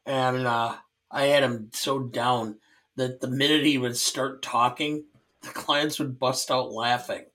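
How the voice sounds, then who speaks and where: A male podcast co-host with a bright, forward tone. He tells dry, rambling anecdotes in a relaxed, conversational way. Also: medium pitch, takes it slowly. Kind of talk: casual film discussion.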